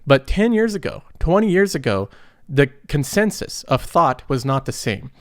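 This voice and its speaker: Getting over a cold, a thirty-year-old man gives an earnest, chatty explanation of personal finance. His voice is fairly high with big swings in pitch and a normal pace. The studio-quality recording has no room sound.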